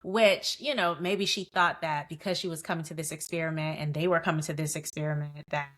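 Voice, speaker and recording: A woman's voice: low voice, steady tone, brisk, fairly bright tone. A woman co-hosting a podcast, giving strong opinions in casual chat and firing off rhetorical questions. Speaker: podcast co-host.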